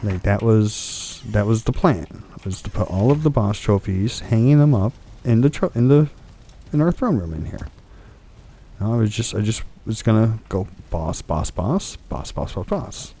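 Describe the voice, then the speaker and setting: Hiccuping through his commentary, a young man hosting a gaming video vents about a boss fight, cursing and starting sentences over. His fairly low voice is mellow with a breathy edge, lively in intonation and at a normal speed.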